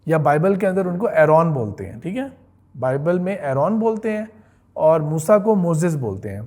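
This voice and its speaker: A man's voice: sits high, dark tone. A man giving a religious history lecture in a conversational way, often checking in with his listeners and mixing in English words.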